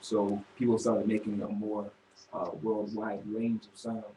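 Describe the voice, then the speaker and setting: Low, flat-voiced young rapper from Florida. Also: male voice. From Florida, USA. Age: 20s. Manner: easygoing, halting. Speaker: rapper, guest. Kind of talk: interview answers. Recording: echoey room from far off, clear noise.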